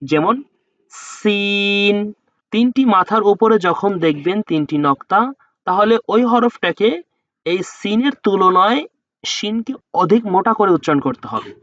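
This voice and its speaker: A man's voice: high-pitched, lively intonation, normal speed, a bit bright, no echo, dull audio. A man teaching Quran pronunciation, patiently explaining how to shape each letter and sounding it out two or three times. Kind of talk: slow letter-by-letter pronunciation lesson.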